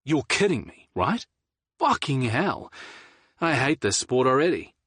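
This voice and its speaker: A man voicing an excitable young city man who is easily outraged, talking loudly and exclaiming. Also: mid-range voice, unhurried, slightly rough, dry recording, voice pushed up, exaggerated voice. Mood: grumbling. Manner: loud, animated and exclaiming.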